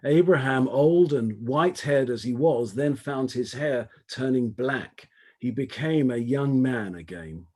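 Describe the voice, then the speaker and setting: A man delivers a formal academic lecture, his voice slightly husky and low in clarity. He speaks in a measured, deliberate way, stressing key words and stacking phrases in rhetorical lists. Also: animated, darkish tone.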